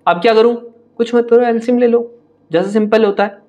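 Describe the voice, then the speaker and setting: A young man teaching an online maths lesson for exam prep in speech, talking straight to his students in a brisk, chatty, teasing way. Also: very high-pitched, steady tone, warm tone, dull audio. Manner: brisk, chatty, addresses students directly, mocks hard-looking questions.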